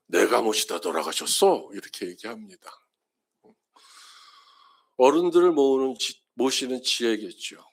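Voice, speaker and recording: A middle-aged man preaching a sermon as pastor, telling family stories and acting out the quoted dialogue. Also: medium pitch. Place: church sanctuary.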